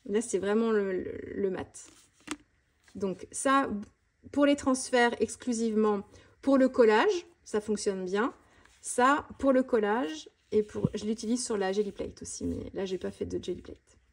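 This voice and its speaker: A woman vlogger chatting fast and casually about her art supplies, with many fillers and restarts. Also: medium pitch. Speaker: mixed-media art vlogger. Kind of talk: casual tutorial chat showing art supplies.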